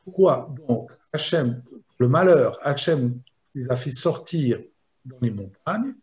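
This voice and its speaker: A man teaching a Torah lesson as a rabbi, explaining slowly and chanting Hebrew verses in between. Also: mid-range voice, animated, darkish tone. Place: video lesson.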